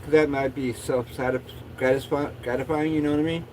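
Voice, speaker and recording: A man's voice: medium pitch, steady tone, brisk, darkish tone, slight background noise. A man chatting casually as a livestream host in a laid-back, rambling stoner drawl.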